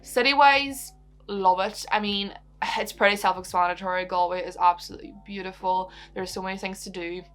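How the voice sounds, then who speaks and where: A young Irish woman with a Donegal accent, chatting away to her camera in a cosy home vlog. She is bubbly and giggly, rambles happily and drops in the odd swear, in a voice of ordinary pitch for a woman. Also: steady tone, brisk, fairly bright tone, faint music behind. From Ireland. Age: young adult. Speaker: YouTuber answering viewer questions.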